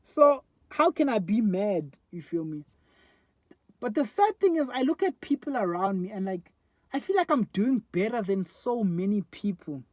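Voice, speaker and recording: Mellow young South African man musing. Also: high voice, big pitch swings, moderate pace, no echo. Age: 20s. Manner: rambling and candid, many fillers. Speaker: vlogger. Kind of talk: casual reflective monologue. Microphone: phone front camera.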